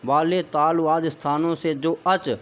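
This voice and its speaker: A man's voice: a little high, steady tone, unhurried, dull audio. A man teaching Sanskrit grammar in an online lecture. He explains step by step, asks questions and answers them himself. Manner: explanatory, repeats points as questions to the viewer, addresses them as friends.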